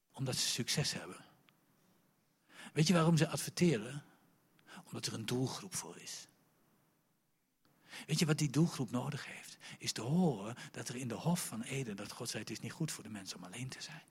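A middle-aged male pastor preaching with a lively, sweeping pitch and a husky edge to his voice. He tells stories emphatically and pushes hard on the big lines of his sermon. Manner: animated, emphatic storytelling preacher.

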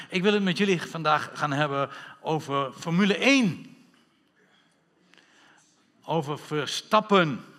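A man leads a church sermon as its pastor. His voice sits a little high and stays lively, full of wordplay and calls for amen. The recording carries the long reverb of a church hall.

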